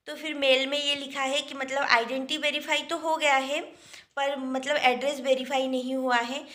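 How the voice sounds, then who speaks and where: High-voiced young woman vlogging casually. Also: level tone, normal speed, sharp tone. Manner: chatty, rambling, many fillers. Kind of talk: casual daily vlog.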